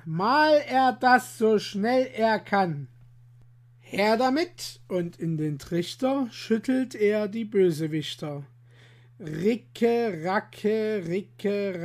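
A man hosting his own channel, reading a rhyming children's tale aloud with expressive, measured delivery and lively voiced quotes. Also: high-pitched. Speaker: children's storyteller and channel host.

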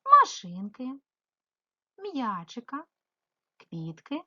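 A female primary school teacher giving a remote grammar lesson, asking the pupil questions and answering them herself, stretching example words slowly. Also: sits high, wildly swooping pitch, pushed and bright, lo-fi sound. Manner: slow, sing-song emphasis on example words; addresses the pupil directly, asks and answers herself.

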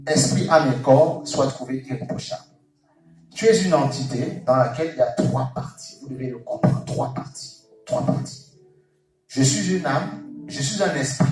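A man's voice: mid-range voice, lively intonation, normal speed, darkish tone. Fervent preaching man in an echoey hall. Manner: fervent preaching, repeats phrases and cries alleluia. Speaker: pastor. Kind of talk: sermon. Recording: echoey, from far off, with music behind.

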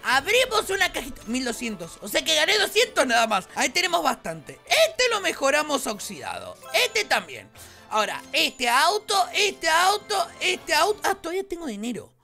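Young Argentine male gamer, very high and bright voice, shouty, excitable play-by-play over faint game music. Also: moderate pace, gravelly. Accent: Rioplatense Argentine Spanish. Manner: exclamatory, often shouting at the game. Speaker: gaming YouTuber. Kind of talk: excitable gameplay commentary.

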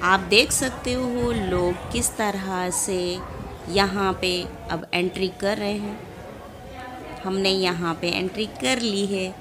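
A young female vlogger films a casual travel video in a big mosque courtyard, holding her phone camera at arm's length and talking chattily to her viewers. She speaks slowly, with a mid-range voice and fairly even intonation, and the outdoor phone audio is noisy.

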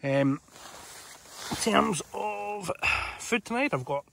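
A middle-aged man chats easygoingly from inside a small tent, his fairly high voice picked up by a camera held close to his face. He talks in a relaxed way full of ums. Faint noise sits behind him. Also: takes it slowly, creaky. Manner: easygoing, chatty, lots of ums. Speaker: outdoor vlogger. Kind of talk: casual camping vlog chat. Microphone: handheld camera close to the face.

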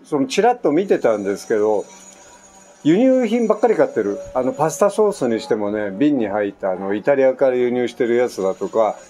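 A man in his sixties from Japan, a vlogger, records at home on an island with construction going on nearby. His medium-pitched voice is brisk as he chats casually through an animated anecdote full of asides. Faint music and faint construction noise can be heard behind him.

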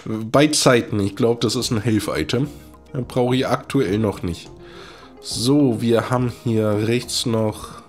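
A man giving casual gameplay commentary, making dry, wry asides to the viewers. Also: on the low side. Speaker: let's play host.

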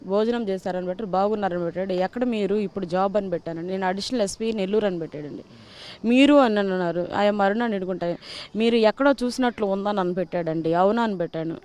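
A woman speaks in a clear, smooth voice at a middling pitch. She recounts her complaint to the press insistently and in detail, quoting exchanges as she goes. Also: fast, darkish tone. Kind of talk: spoken personal account to press.

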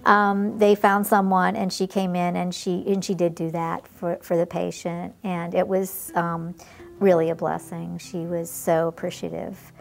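A woman hospice nurse shares a personal story with a creaky edge to her voice. Her pitch is lowish and stays fairly even, and she moves haltingly and reflectively. Music plays faintly behind her.

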